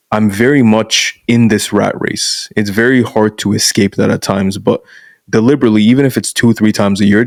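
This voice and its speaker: A young man raised in Canada, appearing as a guest coach on a podcast, speaks frankly and bluntly in a casual conversation, peppering his speech with "bro" aimed at the listener. His voice is fairly low, and the audio is clean studio sound without room sound.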